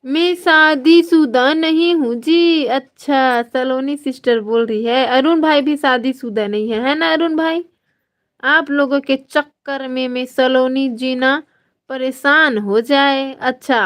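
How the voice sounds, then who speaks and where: A woman from Chhattisgarh hosting a casual live stream, greeting viewers by name and reading out their comments in a slow, drawn-out, friendly way. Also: high voice. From Chhattisgarh, India.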